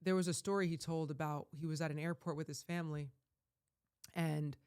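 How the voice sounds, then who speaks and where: A woman life coach giving an emphatic, rambling vlog monologue that surges to loud, heated peaks. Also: low voice, steady tone, fairly quick, clean tone. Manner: rambling with frequent restarts.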